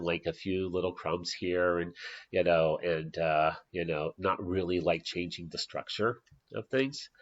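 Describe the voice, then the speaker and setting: A man teaching an intro sociology class in a recorded lecture, talking hesitantly with many fillers. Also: deep voice. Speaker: sociology instructor. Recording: dull lo-fi recording.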